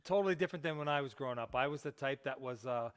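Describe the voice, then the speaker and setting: A man's voice: medium pitch, racing, smooth. A man hosting a podcast from Canada, asking friendly questions and chatting casually. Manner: friendly, chatty, laughs along. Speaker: podcast host.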